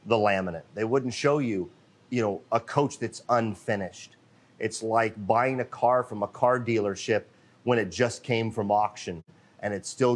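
A man hosting a live, unscripted company walkthrough in an indoor cabinet workshop. He speaks off the cuff into a handheld microphone, with many fillers and restarts. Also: on the low side. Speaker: host of a live company show.

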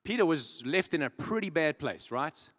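On a big church stage, a young man preaches at normal speed into a handheld microphone, animated throughout. His voice, pitched a bit high, rises dramatically to forceful peaks and falls back to soft, low passages, with lengthy reverb trailing off in the hall.

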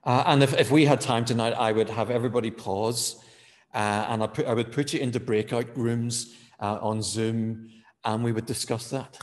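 A man's voice: mid-range voice, steady tone. Man preaching in a reverberant church. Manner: measured preaching with fillers, slowing to stress key words. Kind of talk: sermon.

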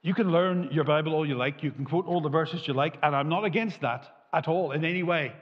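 An older man preaching in a church, his fairly high voice carried on a long hall reverb. He moves animatedly between loud, emphatic peaks and soft, quiet asides, and the recording sounds a little dull and muffled. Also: brisk. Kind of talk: sermon. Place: church hall with a lit tree behind a lectern.

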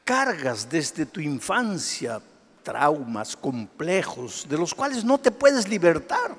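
A man pastor preaching a sermon, firing off rhetorical questions and swinging between hushed asides and loud exclamations. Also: a little high, big pitch swings, slow pace, breathy edge, big-room sound.

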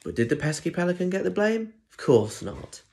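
Here the same kind of young British reader sounds high-pitched and very animated, moving a little fast, gravelly yet a little mellow. He reads a children's picture book expressively and chats directly to listeners in asides. It's captured on a phone or tablet at arm's length in a small indoor room at home.

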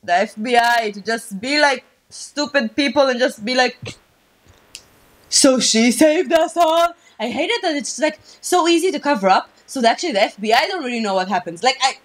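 A woman's voice: a little high, animated, fast, hardly any pauses, low-quality recording. A young woman in casual reaction chat, informal and repeating words for emphasis as she talks. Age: young adult. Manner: informal, emphatic repetition, filler "like". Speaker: reaction video co-host. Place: small room at home, indoors. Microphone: shared microphone on a boom arm in front.

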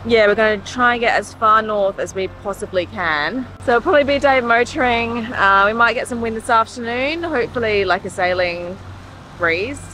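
A woman in her thirties, a sailing vlogger, narrates casually into a handheld camera held at arm's length on the deck of a catamaran at sea. Easygoing and matter-of-fact, she speaks at normal speed in a slightly high, bright, forceful voice. The low-quality outdoor recording has a little hiss or hum.

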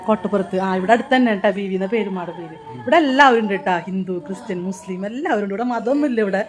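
A woman vlogger from Kerala, speaking with a Thrissur Malayalam accent, chats casually with elders in an old age home and coaxes them along. Her mid-range voice races along.

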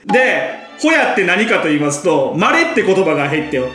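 Casting note: fast-talking young Kansai man, cocky and playful, roomy room with background music. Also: sits high, very animated, sharp tone. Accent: Kansai Japanese. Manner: playful, self-assured hyping of his own dish. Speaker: YouTuber. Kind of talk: casual cooking-challenge banter.

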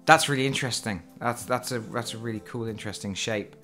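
The speaker is a man with a mid-range voice and a sharp tone who talks briskly, with faint music behind him. Fighting a cold, he hosts a relaxed board game unboxing at a table indoors, talking over his hands. He chats freely, runs himself down, and uses fillers.

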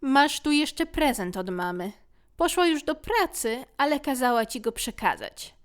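A woman voicing a big, gentle father who speaks calmly in a low voice. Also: measured pace, clear, resonant tone.

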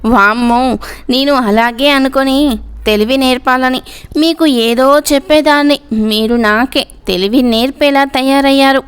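Woman reading as a mischievous old grandmother, high-pitched, smooth clear voice, storybook. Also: steady tone, unhurried. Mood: teasing. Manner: mischievous, giggly teasing. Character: teasing playful old grandmother.

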